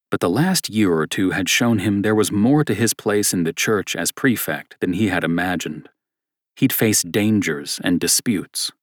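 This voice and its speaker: A man narrating an audiobook novel in a steady, measured reading style. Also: sits low, no echo, studio quality.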